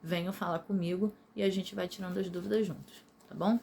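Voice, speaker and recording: A woman's voice: fairly low pitch, fairly even intonation, brisk, creaky, darkish tone, slight background noise. A woman teacher with a Brazilian accent, patiently explaining a recorded video lesson to ninth graders and often checking in with her listeners. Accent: Brazilian Portuguese.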